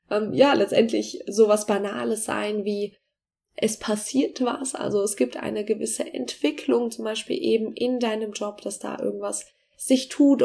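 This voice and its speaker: A woman giving self-help coaching tips step by step, speaking straight to the listener and often pausing on fillers. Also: medium pitch, creaky, darkish tone. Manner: explains in steps, addresses the listener directly; filler-heavy, frequent restarts.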